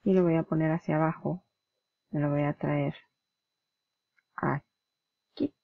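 Lady from doing a screen tutorial, chatty step by step, pretty dry dead sound, a bit of fry. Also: low-pitched, fairly even intonation, takes it slowly, no room sound. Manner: chatty, explains step by step, mimics clicks and flips aloud. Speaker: tutorial host. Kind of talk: screen-recorded software tutorial. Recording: dull lo-fi dry recording.

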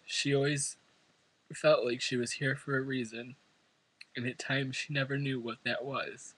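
A man from New York State delivers a prepared eulogy for his parent at a funeral service attended by family and friends, his manner earnest and emotional. His mid-range voice is unhurried, fairly bright and slightly rough, with fairly even intonation, in a low-quality recording.

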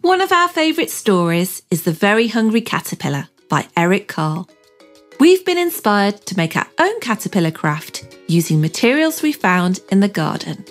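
A woman's voice: mid-range voice, big pitch swings, normal speed, soft background music. A woman speaking as a kids show host, narrating an educational script for young children with simple, encouraging phrases and questions to the viewer.

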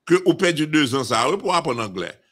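With a slightly high, sing-song and somewhat bright voice, a man from Haiti talks at a moderate pace in a Haitian accent. Emphatic in this casual discussion, he frequently repeats phrases and starts them over.

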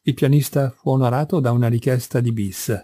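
A man reading a classic novel aloud in measured, even scripted narration. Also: medium pitch. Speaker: audiobook reader.

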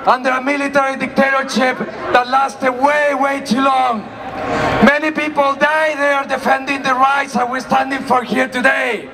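A man from Chile giving a shouted protest speech at an outdoor rally, his voice worn out from yelling. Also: very high-pitched, little pitch movement, normal speed. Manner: impassioned, rallying. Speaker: rally speaker. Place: outdoor city rally in front of a large building. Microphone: far camera in the crowd. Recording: distant voice over a noisy crowd. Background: cheering crowd.

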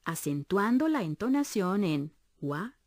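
A woman's voice: medium pitch, sing-song, measured pace, darkish tone, no echo, clean studio sound. A woman teaching a language on a radio course in scripted narration. She explains each point patiently and encourages the listeners.

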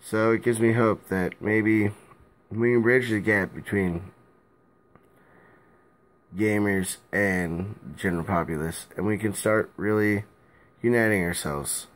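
A young man, drunk, giving a rambling casual vlog rant in a halting, loose way and repeating himself, recorded on a phone held at arm's length in a small room at home. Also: lowish voice, fairly even intonation.

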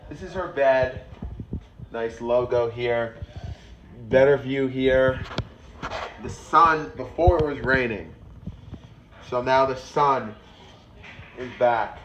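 Holding his phone as he shows off a small city apartment, this young vlogger talks slowly with long pauses, his mid-range voice a bit bright yet nasal from a cold. His casual chatter wanders, self-corrects and slips in offhand jokes. The audio is dull and noisy.

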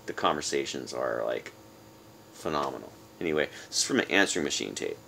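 A man's voice: a bass voice, animated, brisk, vocal fry, background noise. A man in his forties chatting casually to the camera in a rambling way, recorded on a phone in a room at home. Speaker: vlogger. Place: small room indoors at home.

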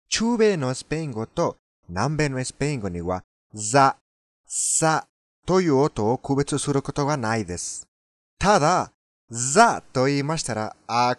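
A man's voice: medium pitch, big pitch swings, fairly quick, no echo, studio quality. A native Spanish-speaking man with a foreign accent, giving language lesson commentary.

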